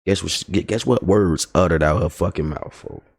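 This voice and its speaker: Give me a man with a deep, gravelly voice telling an animated, profane story on stream. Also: moderate pace. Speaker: livestreamer. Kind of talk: casual storytelling rant. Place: home streaming setup.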